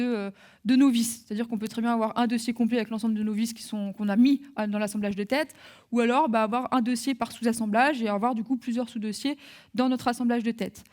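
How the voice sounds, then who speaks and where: A woman giving a live software training webinar, talking through steps with many fillers and restarts. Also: on the high side.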